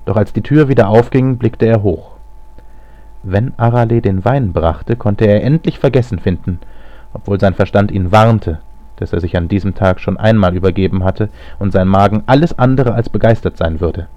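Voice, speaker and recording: A man reading a novel aloud as a narrator, measured storytelling that also gives voices to the characters. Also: fairly low pitch, warm tone, dry recording. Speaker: audiobook narrator. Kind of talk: scripted narration. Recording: slightly lo-fi audio.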